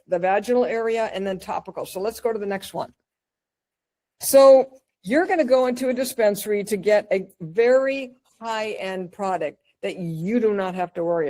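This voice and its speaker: A woman's voice: a little high, poor audio. Upbeat woman lecturing over slides. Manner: energetic and chatty, asks the audience questions, acts out little scenes. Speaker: cannabis wellness educator.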